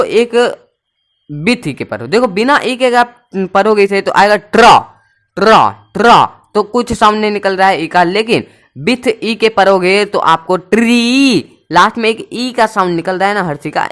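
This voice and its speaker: Smooth-voiced man drilling pronunciation sounds. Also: high voice, animated, fairly bright tone. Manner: repeats sounds slowly, drilling and stressing each syllable; asks and answers his own questions. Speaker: teacher. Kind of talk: spoken English pronunciation lesson.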